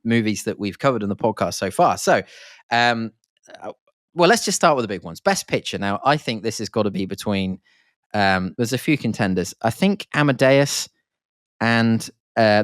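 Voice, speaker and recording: A man's voice: fairly low pitch, no echo, clean studio sound. A man hosting a podcast, rambling and enthusiastic, with lots of fillers and restarts. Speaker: podcast host. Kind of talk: casual podcast monologue.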